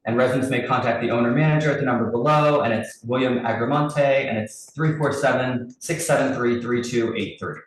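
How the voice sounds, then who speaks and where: A man runs a committee meeting heard through a group video call, speaking at an ordinary middle pitch in a businesslike, list-reading way. His voice comes from a distance in a very echoey room, with faint noise underneath. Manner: brisk, businesslike, reads lists with small restarts. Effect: heard over a group video call. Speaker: committee chair at a public meeting. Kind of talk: reading out license terms and running a vote. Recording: very roomy echo from a distant mic, faint noise.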